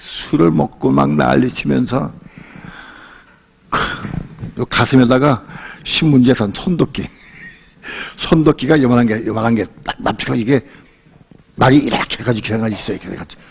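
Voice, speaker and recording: An older male pastor preaching a sermon in a relaxed, colloquial way, telling a personal story and acting out the voices in it. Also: mid-range voice, moderate pace, gravelly, long pauses, slight background noise. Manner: colloquial storytelling, acts out quoted voices and laughs often.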